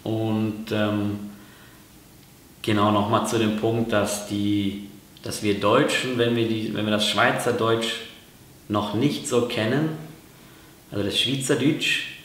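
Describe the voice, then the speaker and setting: A man's voice: on the low side, fairly even intonation, slow, long pauses, fairly bright tone. A man from Germany explaining things in a casual vlog, talking hesitantly with lots of fillers and restarts. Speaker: vlogger. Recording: very echoey room.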